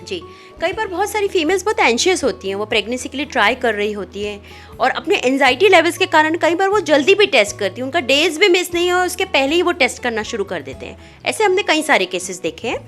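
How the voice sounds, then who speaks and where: A woman gynecologist explaining pregnancy testing in a calm, clinical manner, with small fillers as she talks. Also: sits high, fast talker, soft background music. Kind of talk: medical explainer conversation.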